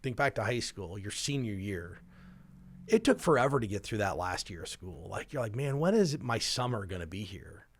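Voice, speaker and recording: A middle-aged financial planner hosts a personal finance show, his animated voice on the low side at a moderate pace with slight background noise. He explains conversationally, acting out everyday examples through hypothetical first-person quotes.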